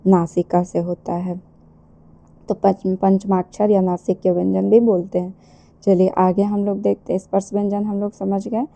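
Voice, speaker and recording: A woman's voice: medium pitch, dark tone. A woman teaching an exam-prep lesson, asking rhetorical questions and answering them herself. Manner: slow, repeats and asks rhetorical questions.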